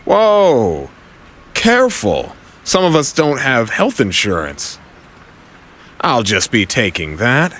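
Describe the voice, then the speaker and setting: A man's voice: mid-range voice, huge pitch swings, slow pace, fairly bright tone, full character voice. A man voicing a cocky, friendly young superhero with quippy, teasing delivery in an audio drama.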